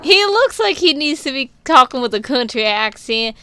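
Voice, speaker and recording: A woman's voice: sits high, big pitch swings, normal speed, pushed and bright, clear, resonant tone. A woman giving casual, blunt let's-play commentary, reacting aloud to a game. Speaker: gameplay commentator.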